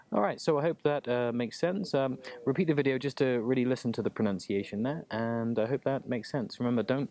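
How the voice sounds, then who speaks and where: A man teaching English from a textbook, calmly explaining and repeating words so learners can practice pronunciation. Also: mid-range voice.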